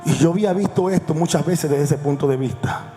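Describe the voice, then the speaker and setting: Male pastor, high register, fiery sermon delivery with hushed-to-shouted swings, echoey hall with faint music behind. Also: a little fast.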